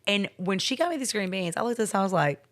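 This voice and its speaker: A young woman hosting a podcast, chatting casually and telling stories with lively acted-out quotes. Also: mid-range voice, fast talker. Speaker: podcast host. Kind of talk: casual interview chat.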